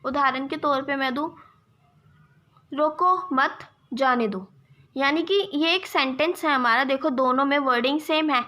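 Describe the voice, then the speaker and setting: A woman's voice: high-pitched, fairly quick, few pauses, pushed and bright. A young woman teaching an exam-prep lesson, explaining step by step and checking in with her viewers as friends. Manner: addresses viewers as "friends", gives examples.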